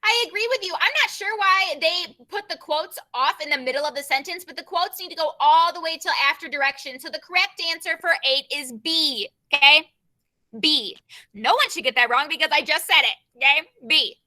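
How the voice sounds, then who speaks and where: A young woman teacher leading an online grammar class over a video call, brisk and given to repeating her prompts. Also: high voice, pushed and bright.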